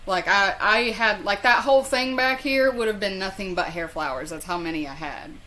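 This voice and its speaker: A woman's voice: mid-range voice, normal speed, sharp tone, slight background noise. A woman with a Southern US accent telling a personal story in a casual, rambling, sweary and self-deprecating way. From southern US, North Carolina. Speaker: storyteller vlogger.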